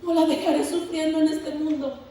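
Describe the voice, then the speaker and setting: A desperate young mother speaks in anguished, pleading words, voiced by a Mexican woman preacher. Her pitch is high. Heavy echo comes back from a distant church hall. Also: steady tone, fairly quick, dark tone, a little hiss or hum, natural voice. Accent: Mexican Spanish. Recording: echoey church hall, far from mic.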